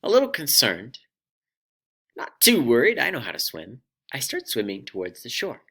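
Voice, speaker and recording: A man hosting a personal finance vlog, telling a story in an animated, self-deprecating way. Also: mid-range voice, a little fast, creaky, husky. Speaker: vlog host.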